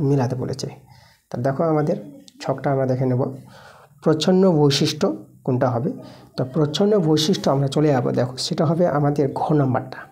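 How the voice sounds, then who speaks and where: A woman's voice: sits low, warm tone. A woman teacher giving an exam-prep lesson, repeating key terms and answering her own questions as she goes. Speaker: school science teacher.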